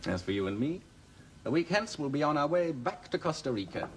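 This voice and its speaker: A menacing scheming heir, voice rises and drops a lot, slightly noisy old film audio. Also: male voice, fairly high pitch, big pitch swings, a little fast. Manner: menacing, contemptuous, sharp outbursts. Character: scheming, cold-blooded heir plotting murder. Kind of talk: 1950s film drama acting.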